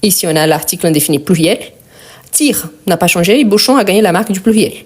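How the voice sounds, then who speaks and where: A woman's voice: on the low side, animated, a little mellow, slightly rough. Patient woman teaching French grammar. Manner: patient, repeats each word slowly and asks questions. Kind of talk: live online language lesson.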